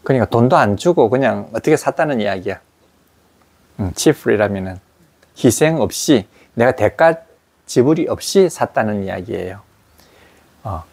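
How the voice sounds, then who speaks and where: A man's voice: medium pitch, lively intonation, darkish tone, slightly rough. Man teaching English pronunciation drills. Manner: explains slowly, drills pronunciation with repetition. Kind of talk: classroom grammar lesson.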